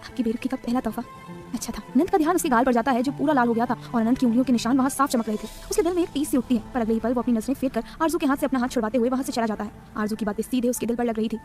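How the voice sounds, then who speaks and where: A woman's voice: a little high, rapid-fire, hardly any pauses, a little mellow, soft background music. A woman narrating an audiobook story.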